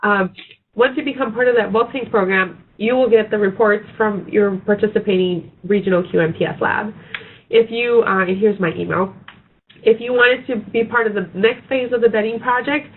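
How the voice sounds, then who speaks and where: Raspy sick woman on tinny webinar audio. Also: medium pitch, normal speed. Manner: hesitant, many ums and restarts. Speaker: veterinary researcher presenting a webinar. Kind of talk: webinar presentation with slides.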